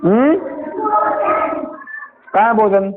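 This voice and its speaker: A male primary school teacher gives a Hindi lesson in a classroom. He speaks patiently and coaxingly, repeating words and sounding them out slowly for the children. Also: sits high. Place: village government school classroom. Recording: tinny phone-like sound with faint noise.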